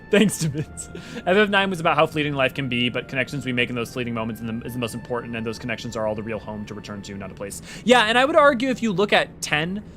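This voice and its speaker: A man hosting a casual livestream, reading viewer comments aloud and rambling excitedly with quick restarts. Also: mid-range voice, soft background music. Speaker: livestream host.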